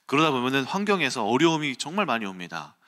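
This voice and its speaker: Male preacher, bright and forceful tone, animated storyteller who acts out scenes. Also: medium pitch, fast talker. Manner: animated storytelling, acts out quotes and sounds, chuckles. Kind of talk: early-morning sermon with personal storytelling.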